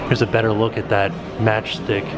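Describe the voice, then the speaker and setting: A man's voice: lowish voice, level tone, moderate pace. A man giving casual, off-the-cuff vlog commentary as he tours exhibits, pointing things out with mild amazement. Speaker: vlogger touring a museum. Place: indoor museum exhibit rooms. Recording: loud music behind the voice.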